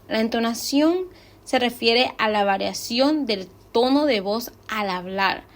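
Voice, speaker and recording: A woman with a Latin American Spanish accent teaching an online English lesson, explaining patiently and repeating example phrases. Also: mid-range voice.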